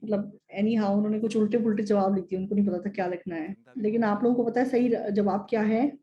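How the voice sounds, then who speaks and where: A woman's voice: medium pitch, steady tone, fast talker, dull audio. A woman interpreting a sermon, speaking in an earnest, explanatory way and repeating key phrases.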